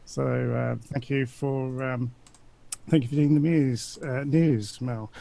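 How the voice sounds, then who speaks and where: A man's voice: medium pitch, fairly even intonation, slow, creaky, warm tone. A man hosting a casual panel chat, talking in a chatty, questioning way. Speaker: show host.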